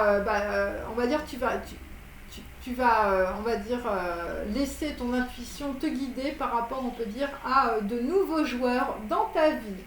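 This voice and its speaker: A woman giving a casual tarot reading to viewers, rambling with many fillers and restarts. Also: sits high. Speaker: tarot reader. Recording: echoey room with faint noise.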